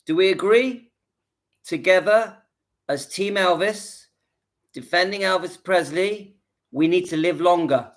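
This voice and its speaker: A man's voice: high voice, a little slow, long pauses. A man in his fifties vlogging from home, earnestly rallying his viewers and repeating his points for emphasis. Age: 50s. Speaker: channel host. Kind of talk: casual direct-to-camera vlog.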